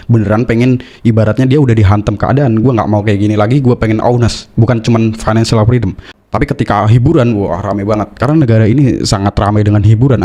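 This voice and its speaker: A man's voice: on the low side, dark tone. A man from Indonesia giving a blunt, scolding casual monologue about money as a YouTuber, tagging his lines with filler words. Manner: blunt, scolding, slangy, tags lines with "gitu". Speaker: finance YouTuber.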